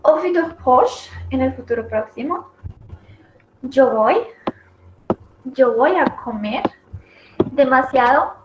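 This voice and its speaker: A woman's voice: high-pitched, animated, takes it slowly, long pauses. A woman teaching a French lesson in Spanish, explaining each example step by step and repeating it. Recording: echoey room, dull lo-fi audio, noisy.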